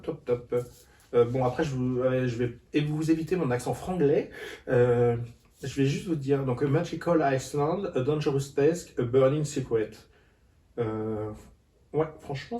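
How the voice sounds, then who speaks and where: A man's voice: mid-range voice, warm tone. A man chatting casually about books in a vlog, hesitant, with many fillers and restarts. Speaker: book vlogger. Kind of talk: casual book haul vlog. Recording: roomy echo, a bit far from the mic.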